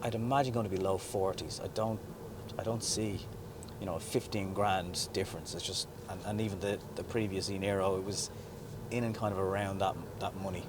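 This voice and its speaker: A man giving a relaxed, rambling car review with lots of fillers and restarts, first outdoors and then from inside a moving car. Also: deep voice, brisk, hardly any pauses. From Ireland. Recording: noisy background.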